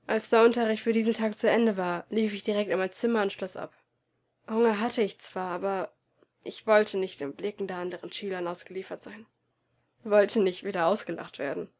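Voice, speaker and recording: A woman narrates a first-person story in a soft, subdued voice, often sinking toward quiet. Her reading stays emotional and earnest, with an ordinary mid-range pitch. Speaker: audiobook reader.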